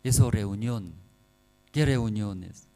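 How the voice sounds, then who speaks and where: A man with a Korean accent preaching a sermon in halting, non-native phrasing, often checking with the congregation through short rhetorical questions. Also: on the low side, mellow, low-quality recording. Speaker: pastor.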